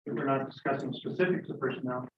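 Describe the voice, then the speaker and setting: An older American man addressing a council formally, speaking deliberately in short, halting phrases. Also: medium pitch. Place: echoey meeting room, away from mic. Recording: echoey room, distant, thin phone-like sound, noise.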